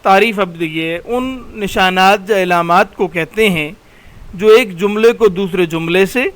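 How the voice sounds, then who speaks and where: Man, high voice, college lecturer, patient explanatory lecture, repeats key terms slowly. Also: poor audio. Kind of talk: recorded classroom lecture over slides.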